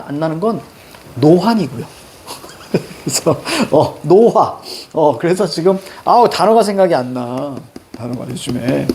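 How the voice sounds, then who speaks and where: A middle-aged man teaching a reading lesson in a classroom, directing students step by step on what to underline and circle. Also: on the high side. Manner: animated, directive, drills students on reading steps. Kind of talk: classroom lecture. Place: classroom with blackboard.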